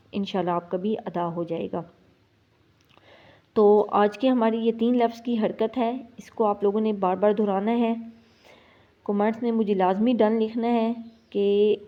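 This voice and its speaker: A woman teaching Quran reading as a slow lesson, patiently repeating syllables for students to copy. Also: medium pitch. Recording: slightly dull lo-fi sound.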